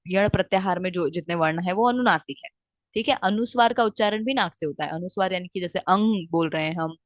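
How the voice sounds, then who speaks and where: A woman's voice: lowish voice, no echo. Woman teacher, checking in as she explains. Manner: frequent "theek hai" check-ins, drawn-out recitation. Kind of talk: explaining lesson with Hindi-English mix. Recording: dry, slightly dull recording.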